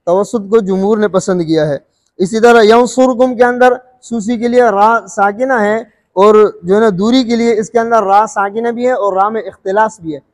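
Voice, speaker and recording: A man teaching rules of Quran recitation, explaining calmly and drawing out recited words slowly, often asking if it is understood. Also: sits high, big-room sound. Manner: slow drawn-out recited examples between explanations; checks understanding with questions.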